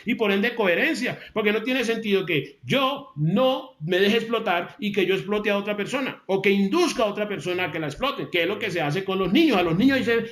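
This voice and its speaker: Emphatic high-voiced man, echoey room. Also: lively intonation, a bit bright. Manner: emphatic, repeats key phrases, slows down for emphasis. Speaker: motivational speaker. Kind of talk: motivational talk to an audience.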